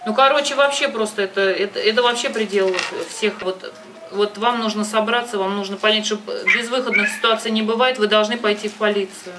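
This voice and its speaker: A woman hosts a phone conversation and gives advice, speaking insistently and emphatically, often repeating herself for stress. Her voice is medium-pitched and steady, a little fast. The microphone is distant, with loud background noise.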